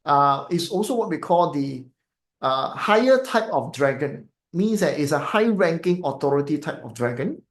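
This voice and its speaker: A Malaysian feng shui teacher chats casually to viewers on a live stream, rambling with lots of fillers and tag questions in a Malaysian English accent. His voice is on the high side and very animated at a moderate pace, in an echoey room.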